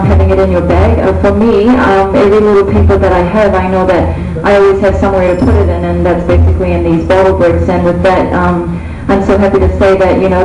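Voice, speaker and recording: Young female pageant contestant, chatty but hesitant, flat intonation; distant mic with music behind. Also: fairly low pitch, roomy sound. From Cook Islands. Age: young adult. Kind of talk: spoken question-and-answer.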